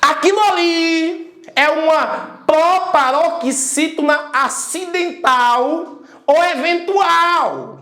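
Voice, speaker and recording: A man teaching a lively video lesson, emphatic, calling out to his students and stretching out syllables to make a point. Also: very high-pitched, very slow. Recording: roomy echo.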